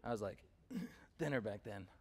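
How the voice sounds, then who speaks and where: A man's voice: lowish voice, expressive, measured pace. Guy pastor preaching, chatty storytelling, lots of um and you know, asks the crowd stuff. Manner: conversational, uses fillers and asks the congregation questions. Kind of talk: sermon with personal storytelling.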